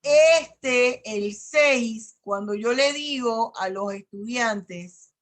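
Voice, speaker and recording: Panamanian lady law prof, slowish and a bit high, reads out the articles then explains them plainly. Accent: Panamanian Spanish. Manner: explains by reading articles aloud and giving everyday examples. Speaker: law professor. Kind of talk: online law lecture.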